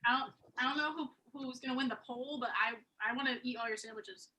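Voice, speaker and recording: A bubbly woman hosts a live online cooking class, gushing over everyone's food. Her voice sits high. The tone is bright and sparkling. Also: fast talker.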